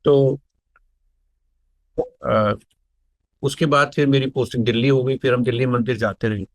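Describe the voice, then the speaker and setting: A middle-aged man from India, sharing a personal devotional testimony in an unhurried, reflective storytelling manner and slipping into phrases. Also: mid-range voice, steady tone, no room sound. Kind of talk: unscripted spoken testimony.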